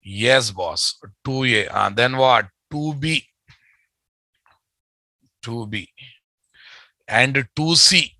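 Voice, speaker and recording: Man, Telugu Indian accent, informal programming teacher, repetitive lecture delivery, sharp bright tone, dry sound. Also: mid-range voice, drawn-out words, pauses often, dry recording. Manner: informal, repetitive, addressing students as guys and boss. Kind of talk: live lecture with repeated phrases.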